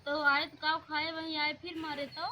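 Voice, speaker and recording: Woman as a high-voiced village mother-in-law. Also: little pitch movement, normal speed, noisy background, natural voice. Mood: questioning. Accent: Awadhi. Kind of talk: rustic comedy skit acting.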